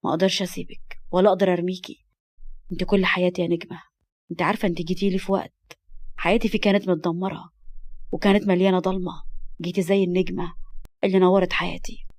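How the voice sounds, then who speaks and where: A woman voicing a firm, protective young man in a lowered voice, with an Egyptian accent. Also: fairly even intonation, very fast, pauses often, close to an everyday voice. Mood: stern tender. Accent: Egyptian Arabic.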